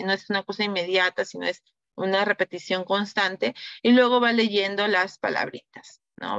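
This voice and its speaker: A woman's voice: medium pitch, fairly bright tone, no room sound, muffled recording. Patient woman teaching over a call. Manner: patient, repeats words slowly and checks in with "¿no?". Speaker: teacher trainer. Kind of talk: online class demonstration.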